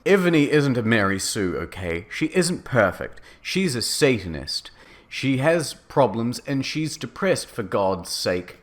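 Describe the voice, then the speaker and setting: A man's voice: medium pitch, sing-song. Guy putting on a whiny defensive teen girl writer, drawn out and bratty. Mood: indignant. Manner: petulant, indignant, drawn-out words. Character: whiny defensive teenage girl fanfic author.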